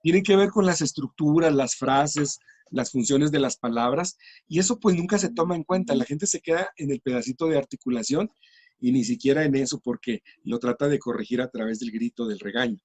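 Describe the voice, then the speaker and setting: A man's voice: medium pitch, brisk, a little mellow, no echo. A middle-aged man, a teacher trainer explaining classroom practice patiently in an interview.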